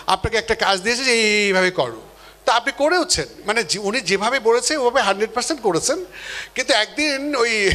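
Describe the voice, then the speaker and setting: A man giving a live motivational seminar talk, animated, acting out quoted people and putting questions to the audience. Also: high voice. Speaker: motivational speaker.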